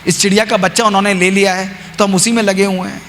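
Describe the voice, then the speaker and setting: A man's voice: high voice, little pitch movement, fast, a bit bright. A man voicing Garuda, the proud divine eagle. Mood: resolute. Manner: brusque, then resolute. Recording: reverberant hall with faint hiss.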